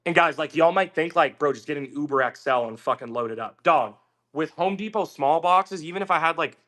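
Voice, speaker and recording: A man with a slightly high, bright, forceful voice tells a story in loose, animated chat. He swears a lot and slips into quick impressions of the people he met. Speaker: podcast guest.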